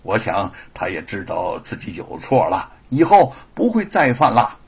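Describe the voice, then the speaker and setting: A man voicing an indignant, righteous male scholar who scolds loudly. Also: mid-range voice, sing-song, normal speed, husky. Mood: calm persuading. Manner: loud, scolding.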